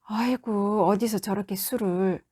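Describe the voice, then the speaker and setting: A woman voicing a weary, patient rural mother who speaks softly in a Gyeongsang accent. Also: steady tone, unhurried, husky. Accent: Gyeongsang dialect. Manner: soft, low muttering.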